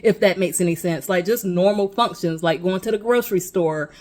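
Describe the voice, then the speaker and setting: A woman's voice: on the low side, brisk, darkish tone. A woman talking casually to the camera in a vlog, chatty and encouraging, with emphatic asides to her viewers. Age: adult with a child. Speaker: vlogger.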